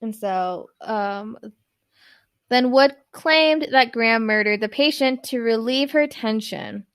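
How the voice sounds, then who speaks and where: A woman co-hosting a podcast retells a true crime case in casual chat, rambling, saying "like" a lot and tripping over long words. Her voice is on the high side and a bit bright, at a slow pace. She's from New York, and Spanish is her first language.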